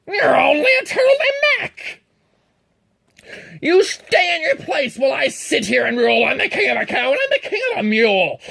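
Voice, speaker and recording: A woman voicing a boastful, bossy male turtle king who shouts and gloats. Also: a little high, big pitch swings, measured pace, vocal fry, full character voice.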